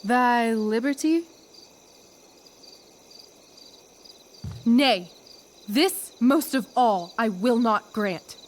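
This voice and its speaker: Poised teen stage actress in a game, coaxing n theatrical, slow, highish voice, crickets behind. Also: female voice, lively intonation, slight background noise. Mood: stately, stern. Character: poised, persuasive teenage girl, theatrical amateur stage actress. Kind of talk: video game acting, Shakespearean stage delivery.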